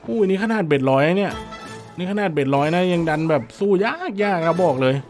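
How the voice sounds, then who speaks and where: Hoarse Thai-accented man, slot streamer patter, excitable and chatty, slightly high, game music underneath. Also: fast talker. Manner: chatty, excitable, addresses viewers directly. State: hoarse, dry voice. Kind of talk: casual live commentary on an online slot game.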